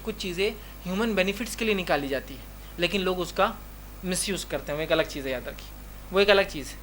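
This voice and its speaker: High and sharp-toned, the male voice carries a slight hiss or hum. As an Islamic preacher lecturing on religion, he presses his points emphatically, keeps saying "remember," and plays out little dialogues within his examples.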